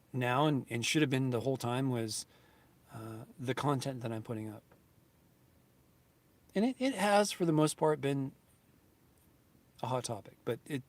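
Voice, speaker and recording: An American YouTube channel host in his fifties talks casually to his viewers in a vlog, earnest and grateful. He rambles with lots of restarts and fillers, his mid-range voice heard without echo.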